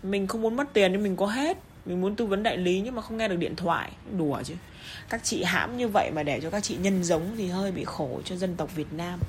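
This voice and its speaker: A woman teaching English pronunciation, speaking bluntly in Vietnamese and reading English examples with a Vietnamese accent and slow, exaggerated rises and falls. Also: lowish voice, animated, a little hiss or hum. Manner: blunt, scolding asides in Vietnamese. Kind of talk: online English pronunciation lesson.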